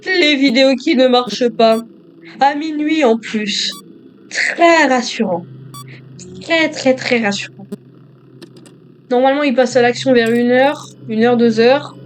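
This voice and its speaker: A man's voice: extremely high pitch, normal speed, a little hiss or hum. A male gamer doing joking commentary on a horror game, talking to himself and to viewers as he plays.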